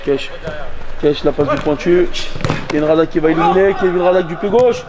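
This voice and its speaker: A man doing excited live sports commentary, calling out players' names in short bursts and exclamations. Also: on the high side, a little fast. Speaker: match commentator. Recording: loud crowd and bouncing ball behind. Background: crowd noise, ball bounces.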